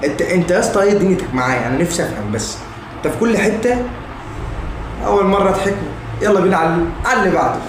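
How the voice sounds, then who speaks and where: A man's voice: high-pitched, animated, racing. An Egyptian man hosting comedy reaction videos, talking casually and exclaiming as he comments. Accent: Egyptian Arabic. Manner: exclaiming, addressing viewers and clips informally. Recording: very echoey room, noisy background.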